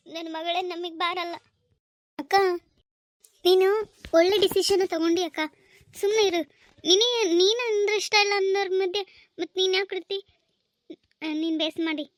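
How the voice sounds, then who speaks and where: A woman's voice: very high-pitched, no echo, clean studio sound. A woman with a North Karnataka Kannada accent playing an anxious village mother in a family comedy-drama, talking in an emotional, pleading and scolding way.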